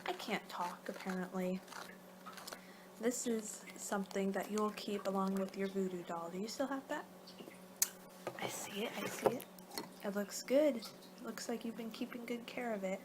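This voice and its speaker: A female ASMR performer plays a laid-back vampire, young for her kind, guiding a client in a soft, partly whispered roleplay. Her mid-pitched voice rambles and halts as she loses her train of thought, sounding casual and a little exasperated, and the recording is noticeably noisy.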